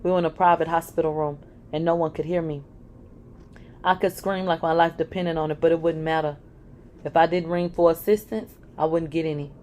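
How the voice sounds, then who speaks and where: A woman's voice: low voice, flat delivery, moderate pace, darkish tone, a little hiss or hum. A woman reading a dramatic first-person story aloud, emotional and blunt, with swearing. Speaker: narrator.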